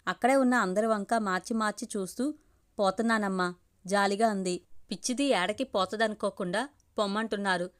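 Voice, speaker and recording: A woman's voice: medium pitch, a little fast. A woman narrates a family drama as an audio story. She gives every character's lines in her own voice and does not change it for them. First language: Telugu.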